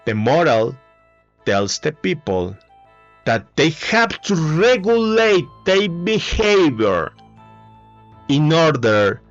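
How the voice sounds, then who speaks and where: A man speaking English as a second language with a Spanish accent, giving a halting solo talk full of fillers and restarts. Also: medium pitch. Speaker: video essayist. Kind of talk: casual monologue. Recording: dull lo-fi mic with faint music.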